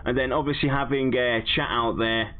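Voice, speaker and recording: A man's voice: mid-range voice, fairly even intonation, moderate pace, phone-quality sound. A man hosting a casual debate show, chatting and bantering with his co-host. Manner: bantering, mock-indignant when interrupted. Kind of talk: casual podcast chat.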